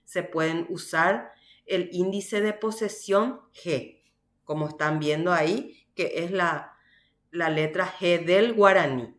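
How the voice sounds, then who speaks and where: A woman teacher from Paraguay giving a university language class, explaining slowly and often checking with "¿verdad?". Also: on the low side, reverberant. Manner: slow, explanatory, frequent "¿verdad?" tags. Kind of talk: online class lecture.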